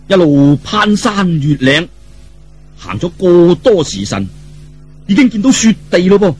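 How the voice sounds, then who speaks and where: An audiobook storyteller with a Cantonese accent narrates a martial arts tale in a husky voice on the high side. His delivery follows a colloquial, dramatic traditional storytelling style, with asides to the listener.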